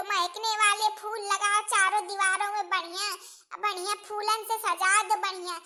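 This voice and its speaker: A woman's voice: very high voice, pushed and bright. A woman voicing a bossy, scheming mother-in-law in a cartoon, scolding in rustic village speech.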